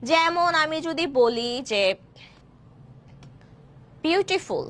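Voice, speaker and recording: High lively young woman tutoring grammar. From Bangladesh. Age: 20s. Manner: keeps asking students questions to check understanding; stretches out example sentences slowly. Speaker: admission test English tutor. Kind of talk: online grammar class.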